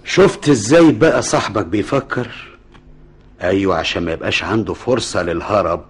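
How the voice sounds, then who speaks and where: An actor with an Egyptian accent playing a sly, smug crook scheming with a partner in a radio drama. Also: male voice, on the low side, brisk, husky. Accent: Egyptian Arabic. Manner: smug, teasing.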